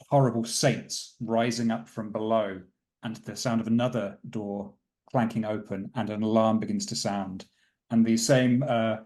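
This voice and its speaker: Lowish guy playing a tabletop game, umms a lot, kinda unsure. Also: darkish tone. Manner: hesitant, many fillers and restarts. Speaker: player. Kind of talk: describing actions in a tabletop game.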